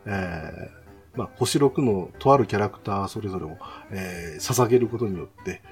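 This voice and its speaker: A man's voice: on the low side, expressive, normal speed, darkish tone, soft background music. A man chatting casually and politely about games as a host, in a chatty way. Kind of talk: casual game talk with a co-host.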